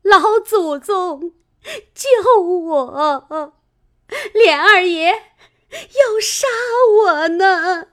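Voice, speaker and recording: A fierce, jealous young noblewoman shrieks and sobs, her voice pitched high above the reader's own and loud. A woman acts her out in a dramatized novel reading. She scolds in quick, shrill bursts with wide swings of pitch. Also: expressive, heavily acted. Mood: wailing. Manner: shrill, sobbing, rapid scolding.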